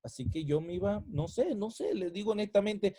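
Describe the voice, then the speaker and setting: A man, preaching a sermon and telling his own story, swinging from soft, hushed lines to loud, impassioned peaks. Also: sits high, big pitch swings, brisk, slightly rough, dry recording, poor audio. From Colombia. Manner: emotional, rising to near-shouting at climaxes then dropping soft. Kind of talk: sermon with personal testimony.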